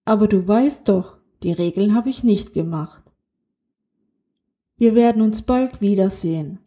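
A woman voicing a kind young alien girl in a children's audiobook, gentle and reassuring. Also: medium pitch, a little slow, close to an everyday voice.

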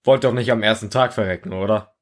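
A man voicing a gruff, battle-hardened veteran soldier who speaks dry and blunt. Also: fairly low pitch, fast, a little hiss or hum, natural voice.

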